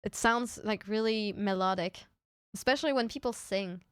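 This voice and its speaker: In a dry, studio-quality recording, a VTuber streamer from France speaks with a clean, mid-range voice at a moderate pace. The young woman talks casually with viewers on a live stream, often stumbling, starting over and giggling softly.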